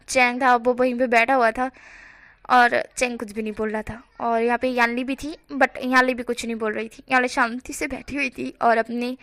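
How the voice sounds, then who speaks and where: High-voiced woman telling a story. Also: fairly bright tone, no room sound. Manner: chatty, mixing English words into speech. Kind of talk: casual storytelling narration.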